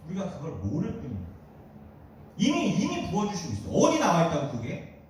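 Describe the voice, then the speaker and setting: A man preaching to teenagers as their youth pastor, asking them direct questions in an animated way. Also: sits high, brisk, slight background noise. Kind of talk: sermon to teenagers. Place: church hall. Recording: very echoey hall, distant mic.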